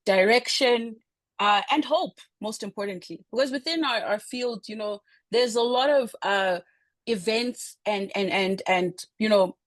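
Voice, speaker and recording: Speaking unhurriedly in a dry recording, a medium-pitched woman in her thirties from Zimbabwe delivers an informal presentation. Her manner is conversational, packed with fillers and restarts.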